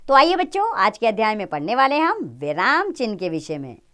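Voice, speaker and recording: Lively-voiced woman teaching a grammar lesson. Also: fairly quick. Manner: expressive, rises and falls in pitch.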